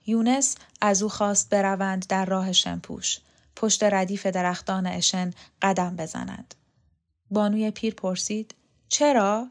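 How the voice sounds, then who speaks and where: A woman calmly narrating a novel in a measured, scripted reading. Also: medium pitch. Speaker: audiobook reader.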